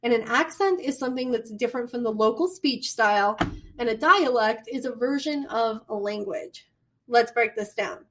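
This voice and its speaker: A woman with a Midwestern American accent giving a recorded college lecture, chatty and animated, with storytelling asides. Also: a little high, moderate pace, noisy background. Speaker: college communication instructor.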